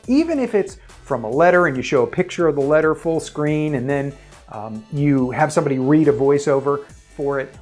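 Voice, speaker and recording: A man's voice: fairly high pitch, darkish tone. A man giving tips in a casual, plain-spoken on-camera tutorial, recorded on his own camera, with occasional fillers. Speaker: video presenter giving tips. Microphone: self-recorded on his own camera.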